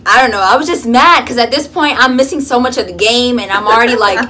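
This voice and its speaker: A young woman vlogging in a college dorm room, chatting casually and telling an animated story full of fillers. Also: fairly high pitch, fast talker. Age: young adult. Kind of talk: casual chat.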